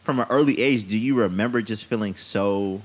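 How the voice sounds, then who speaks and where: A man's voice: lowish voice, fairly quick. A man hosting a podcast interview, talking in a loose, blunt way and swearing freely. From United States. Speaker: podcast host. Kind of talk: casual conversational interview.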